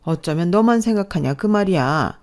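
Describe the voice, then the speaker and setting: A reproachful older mother-in-law, as a woman reads her lines, sharp and lecturing about money and family. The voice sits low and mellow, with a slow, biting edge in a dramatized radio story. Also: expressive, lightly acted. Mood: scolding.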